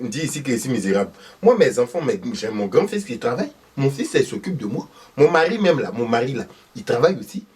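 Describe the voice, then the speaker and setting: Comedy role: a man playing a husky, fiery older Ivorian mother, high and very lively, from a distant mic. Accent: Ivorian French. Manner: loud, insistent, exclaiming.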